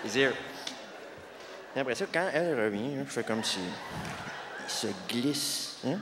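A man doing stand-up comedy with a Québécois French accent, delivering punchy deadpan one-liners. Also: medium pitch, a little slow, background noise. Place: large theatre stage. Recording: long hall reverb, loud audience.

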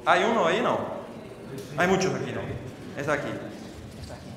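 A man preaching a sermon as a story, often checking in with the audience through quick questions and halting restarts. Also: on the high side, big pitch swings, crowd noise. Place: church hall. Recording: reverberant church hall.

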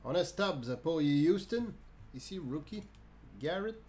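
A man with a Quebec French accent gives live card-opening commentary, chatting as he calls each card and joking and laughing with viewers. His fairly high, darkish voice is expressive and slow, with slight background noise.

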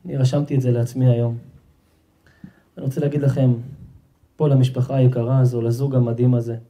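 A man, a rabbi, giving an emphatic sermon to guests at a house-warming gathering, often repeating himself and speaking straight to the crowd. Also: medium pitch, level tone. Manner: emphatic, repeats himself, talks directly to the audience. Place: home gathering with an audience.

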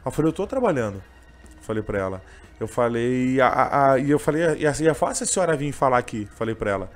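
Fast-talking gaúcho man telling a story. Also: medium pitch, big pitch swings. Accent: gaúcho Portuguese. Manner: emotional, rambling, full of fillers like "cara" and "bah". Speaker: interviewee, train vendor and singer. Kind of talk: casual storytelling interview.

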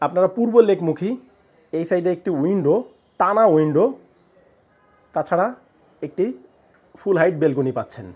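Bangladeshi real estate agent touring a flat, slightly high voice. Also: male voice, normal speed, long pauses. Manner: speaks softly in the child's bedroom so a sleeping baby isn't woken; addresses viewers directly, pointing out features. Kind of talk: walkthrough property tour narration. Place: inside an apartment, moving room to room.

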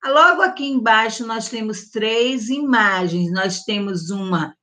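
Woman teacher for an early-literacy lesson, slow and patient, stretches vowels loudly, frequent little check-ins. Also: a little high. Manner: slow, drawn-out enunciation with diminutives and check-ins. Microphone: close mic, online class recording.

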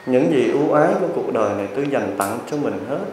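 A man's voice: medium pitch, lively intonation, quick pace, darkish tone, slight background noise, close to an everyday voice. A man voicing a dying old husband who pleads weakly with his wives in a told story. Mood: pleading. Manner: weak, pleading. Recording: very echoey hall, distant mic.

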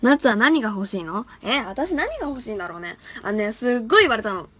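Young adult woman, live-stream host, slightly high voice, chatty and giggly, trips over her words. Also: very animated, fast talker, a bit bright. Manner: chatty, laughs often, trips over tongue twisters. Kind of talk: casual live-stream chat reading comments.

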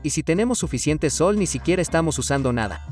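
A man's voice: on the high side, lively intonation, quick pace, far from the mic, music in the background. A young man giving an upbeat, casual tour of the converted shuttle bus he lives in.

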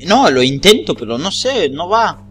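A man's voice: high-pitched, sing-song, normal speed, fairly bright tone, soft background music. A man with an accent from Spain giving casual, rambling, repetitive gameplay commentary with plenty of swearing. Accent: Spanish from Spain. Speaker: gamer.

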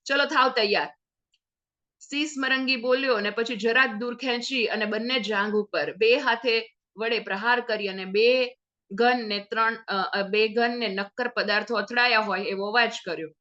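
A woman teacher reading a story aloud and explaining each phrase in simpler words, briefly acting out the characters' lines. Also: normal speed. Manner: lively, acts out the characters' lines with sudden pitch jumps. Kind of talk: explaining a textbook lesson. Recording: dull lo-fi sound.

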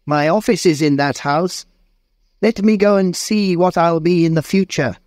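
A man doing Scrooge as an old man pitched well above his own voice, crying out in earnest pleas and bursts of feeling. It is a storybook reading with a dry, close sound. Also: normal speed, a little mellow, no echo, close to an everyday voice. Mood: pleading. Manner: emotional, pleading, exclamatory. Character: old man Scrooge, repentant, desperate then overjoyed.

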